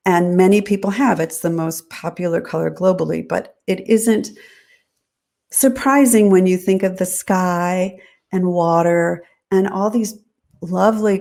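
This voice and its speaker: A woman designer as an interview guest, explaining her ideas in a measured, thoughtful way. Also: on the low side, gravelly, warm tone. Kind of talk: interview answers.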